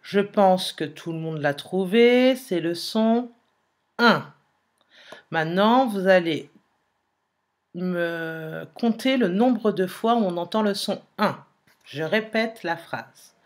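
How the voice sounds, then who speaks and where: A woman teacher, slowly dictating a sentence and spelling out letters in a phonics lesson. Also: on the low side, animated, darkish tone. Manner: slow, careful dictation, repeating and spelling letters aloud.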